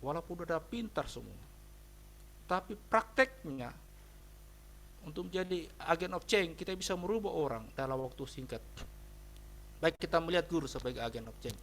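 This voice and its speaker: A man's voice: on the high side, lively intonation, normal speed, long pauses, a bit bright, slight background noise. A man preaching a sermon as a pastor, telling a personal story with emphatic delivery and often addressing his listeners directly. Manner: emphatic, repeatedly addresses listeners as brothers and sisters.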